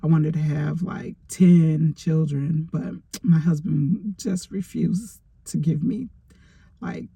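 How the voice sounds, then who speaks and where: A middle-aged woman talks through a rambling storytime from her parked car, her voice mellow and gravelly with a husky edge. The sound is close and dry, picked up by a phone. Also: low voice, steady tone, slow, dry recording. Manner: rambling, chatty storytelling with many fillers. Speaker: vlogger. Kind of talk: casual storytime vlog.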